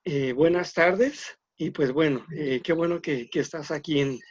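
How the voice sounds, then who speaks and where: Male teacher, online lecture, filler-heavy explanations, somewhat high pitch. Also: a little slow, highs cut off. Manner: explanatory, many "este" fillers, repeats words.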